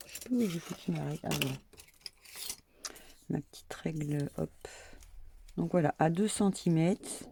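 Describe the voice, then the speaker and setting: A woman's voice: low-pitched, normal speed, vocal fry, long pauses, mellow, a little hiss or hum. A middle-aged woman talking her viewers through a sewing tutorial as she works, chatty and self-mocking, peppering her steps with "hop" and "voilà".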